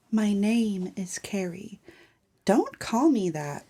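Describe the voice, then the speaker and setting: A woman playing a prim, matter-of-fact librarian in a comedic noir audio drama, with a mellow voice. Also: medium pitch, very animated, very slow, breathy edge, exaggerated voice. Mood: indignant.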